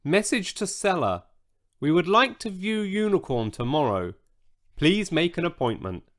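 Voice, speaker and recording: A man's voice: a little high, big pitch swings, unhurried. A man voicing a sensible young girl on a secret rescue in a children's story. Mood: earnest. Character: brave clever young girl, a witch.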